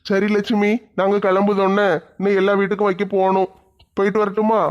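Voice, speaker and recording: A man speaks politely and easily in a village comedy skit. His voice is fairly high and even, and quick. The recording sounds dull and lo-fi. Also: smooth.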